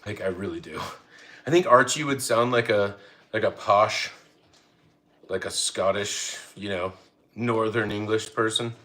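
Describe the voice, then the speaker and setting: A man's voice: on the low side, unhurried, pauses often, fairly bright tone. A middle-aged man chatting casually on a home livestream, reading chat aloud and laughing easily. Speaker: livestream host. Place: home, feeding dogs.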